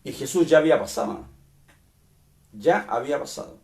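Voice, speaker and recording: A man preaching a sermon as pastor, swinging between emphatic bursts and quieter asides and often turning to question his listeners directly. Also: on the high side, animated, normal speed.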